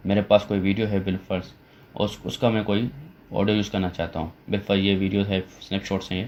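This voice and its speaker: A man walks through a software tutorial one step at a time, restarting his sentences now and then as he works at the computer. His voice sits fairly low, and the recording has a dull, lo-fi sound with muffled highs. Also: little pitch movement, slight background noise. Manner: step-by-step explaining with frequent fillers and restarts.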